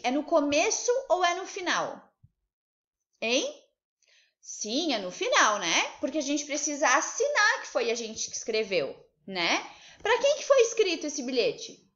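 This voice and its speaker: Bright lively teacher woman. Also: high voice. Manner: lively, coaxing, asks many questions. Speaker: primary school teacher. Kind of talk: remote lesson for young children. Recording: slightly dull lo-fi recording.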